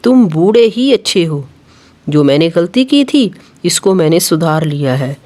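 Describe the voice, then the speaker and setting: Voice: medium pitch, big pitch swings, unhurried, a little mellow, voice pushed down. A small, kind female sparrow in a kids' cartoon story, voiced by the narrator, earnest and firm in her speech. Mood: stern. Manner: earnest, stern when angry. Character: female sparrow Ranu, kind but remorseful.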